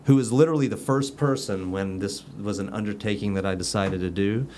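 A man's voice: lowish voice, fairly quick, darkish tone, a little hiss or hum. A man hosting a casual chat show, joking and rambling with fillers. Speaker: host.

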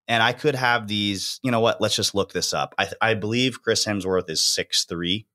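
Young male fitness host, low voice, relaxed slangy banter. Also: normal speed. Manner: laid-back, laughing, slangy. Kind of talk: casual chat.

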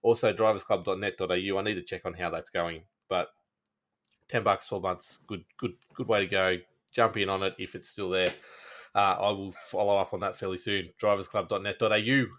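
A man's voice: deep voice, steady tone, a little fast, fairly bright tone. An Australian man hosting a podcast in a casual, chatty style. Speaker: podcast host.

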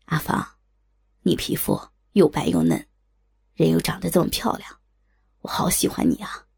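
A woman voicing a pushy, smooth-talking man who speaks in a low, half-whispered coaxing way. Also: very animated, moderate pace, a little mellow, exaggerated voice.

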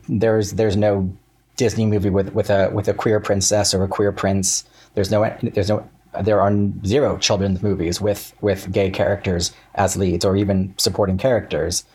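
An American man from Central Florida appears as a guest in a casual interview, his lowish voice a little mellow yet slightly rough-edged. He frequently restarts and corrects himself while working through his thoughts.

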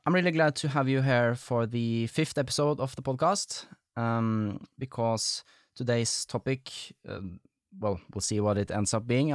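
A man's voice: mid-range voice, no echo, studio quality. A man hosting a casual podcast interview, talking in a tentative, rambling way. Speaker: podcast host.

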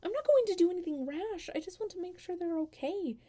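An anguished guardian of realities , played by a woman, pleads and stammers through a one-voice audio drama. The voice sits high yet soft and mellow, often sinking into hushed whispers. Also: expressive, fast talker. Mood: frantic. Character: anguished guardian who returns lost people home.

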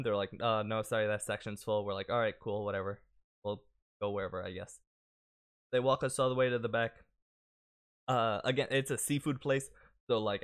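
A man's voice: fairly low pitch, smooth. A young man casually telling a rambling personal story, full of fillers like "uh" and "like".

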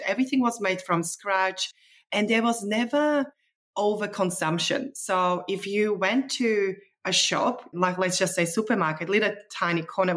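A mid-range, fairly bright female voice belongs to a nutritionist guest from the former Czechoslovakia. She tells stories casually and conversationally, sounding chatty and enthusiastic, with phrasing that isn't native.

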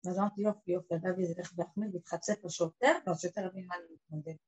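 A woman's voice: slightly rough, poor audio. A woman, telling an emotional personal story to a group and acting out the people in it. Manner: emotional, acts out quoted voices, lively swings of pitch and loudness.

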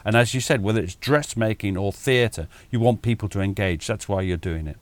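A middle-aged man, a military historian talking as a guest over a video call, animated and self-deprecating, chuckling often and restarting his sentences. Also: fairly low pitch, a little fast, no room sound.

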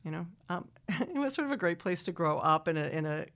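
A middle-aged woman from Wisconsin with a Wisconsin accent talks into a studio microphone in a slightly low voice. She rambles through long, self-interrupting answers and laughs easily between thoughts. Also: animated, fairly quick, fairly bright tone. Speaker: singer-songwriter guest. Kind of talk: casual interview chat.

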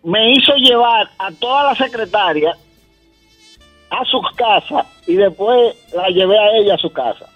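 A man, a guest on a radio show, telling a personal story in a halting way with repeated words. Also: sits high, expressive, fairly bright tone, highs cut off, soft background music.

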